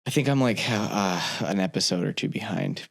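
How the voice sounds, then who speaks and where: A man with some vocal fry, explaining things informally in casual, slangy chat. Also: fairly low pitch, normal speed.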